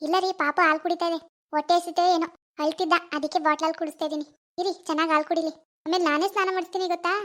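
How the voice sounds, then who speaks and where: Very high-pitched, fast-talking young mother in a cartoon, as a woman voices her. She is doting and fussy, and she chatters on about her new baby. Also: little pitch movement, a bit bright. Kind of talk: animated cartoon voice acting.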